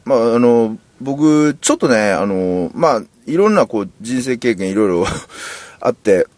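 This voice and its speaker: A man's voice: mid-range voice, animated, measured pace, darkish tone, no room sound. A man with a Kansai accent hosting a solo podcast, talking in a rambling, candid and self-deprecating way. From Kansai, Japan. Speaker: podcast host. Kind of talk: casual solo podcast monologue.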